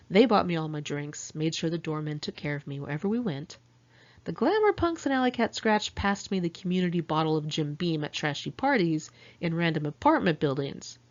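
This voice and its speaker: Her deep, slightly mellow voice comes through a muffled recording as this middle-aged woman from California, United States, narrates her own memoir. It's first-person diary storytelling, candid and wry with sardonic asides.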